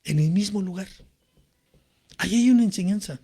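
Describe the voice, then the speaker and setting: A man preaching a sermon in an animated way, rising to near shouts when he quotes people crying out. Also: high voice, normal speed, creaky, breathy edge. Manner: animated, rises to shouting when quoting cries.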